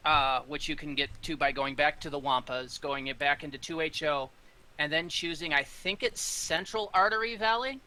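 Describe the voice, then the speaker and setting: A man talks his gaming group through the route, explaining with hesitant fillers. His voice is fairly high and very bright, and he chats casually over voice chat. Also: normal speed. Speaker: gamer in a group.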